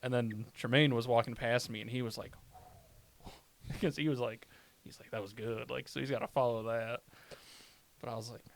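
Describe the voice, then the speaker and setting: A man's voice: medium pitch, steady tone, moderate pace, long pauses. A man, a stand-up comedian, chatting casually on a podcast, telling rambling stories and swearing often. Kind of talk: casual chat.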